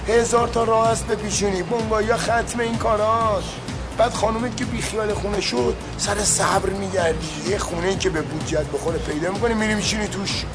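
Bossy high-voiced gym regular. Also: male voice, fairly even intonation. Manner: bossy, know-it-all advice. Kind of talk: film drama acting. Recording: film soundtrack with music.

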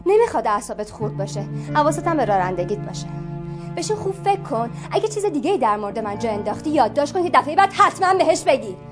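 Sarcastic young woman, high voice, cutting manner, film dialogue, score audible. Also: sing-song. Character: hurt, sharp-tongued young woman friend. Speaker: film character. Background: film score music.

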